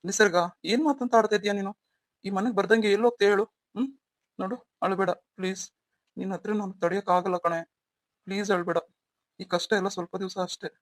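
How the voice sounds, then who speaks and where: A woman voicing a young husband who is protective toward his wife and quick to anger at a rival, in a melodramatic audio story. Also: medium pitch, steady tone, no room sound, close to an everyday voice. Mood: tender.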